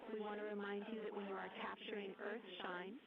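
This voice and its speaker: A woman's voice: medium pitch, fairly quick, gravelly. A woman working as capcom, reading clipped, procedural calls to a crew over a muffled mission radio loop. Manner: steady, procedural, reads items in order. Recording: dull radio feed over loud crowd noise.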